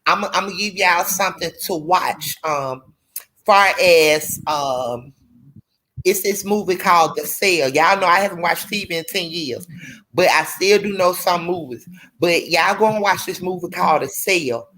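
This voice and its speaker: A woman's voice: fairly low pitch, unhurried, a bit bright, low-quality recording. Rambling woman hosting a livestream. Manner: rambling, addresses viewers as y'all. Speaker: livestream host. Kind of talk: casual livestream chat.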